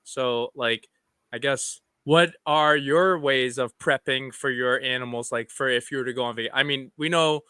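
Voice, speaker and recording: A man co-hosting a podcast whose rambling talk keeps circling back and restarting. His voice is smooth and bright, and the recording is close and dry. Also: mid-range voice, moderate pace, no echo. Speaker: podcast co-host. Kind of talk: casual live chat.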